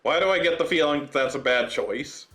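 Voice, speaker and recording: A man's voice: a little high, brisk, soft background music. A man gaming YouTuber reading a visual novel aloud, cracking jokes between lines. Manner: animated, joking.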